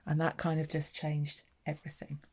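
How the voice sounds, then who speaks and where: A papercraft demonstrator from southeast England narrates her hands-on work in a chatty, friendly how-to session. Her low, mellow voice is unhurried and monotone, with a breathy edge.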